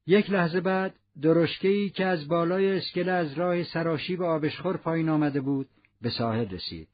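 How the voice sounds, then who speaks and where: A man reading a novel aloud as narrator, in a measured storytelling manner. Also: a little high, slightly rough. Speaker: audiobook narrator. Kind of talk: scripted narration. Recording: muffled lo-fi recording.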